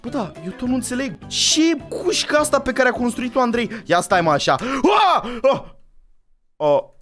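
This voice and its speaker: Excitable high-voiced man gaming. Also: soft background music. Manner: excitable and jokey, often yelling. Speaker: gaming channel host. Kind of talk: Minecraft role-play vlog.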